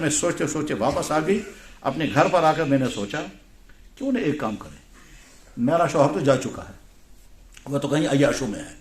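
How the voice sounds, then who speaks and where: High-voiced pakistani urdu preacher guy, tells stories animatedly, roomy echo. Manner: animated storytelling with voiced dialogue. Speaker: Islamic scholar and preacher. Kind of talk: sermon with storytelling.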